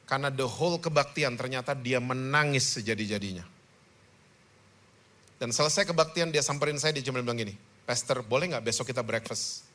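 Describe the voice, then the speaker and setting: A male pastor preaching a sermon with animated delivery, often checking in with the congregation. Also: medium pitch. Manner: animated, with rhetorical "hmm?" prompts to the congregation.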